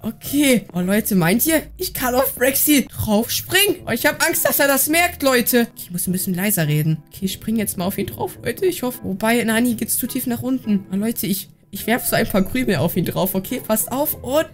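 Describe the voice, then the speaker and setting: A woman gaming YouTuber commenting excitedly on a Minecraft prank, constantly talking to her viewers. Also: a little high, normal speed, few pauses, soft background music. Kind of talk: Minecraft let's play commentary.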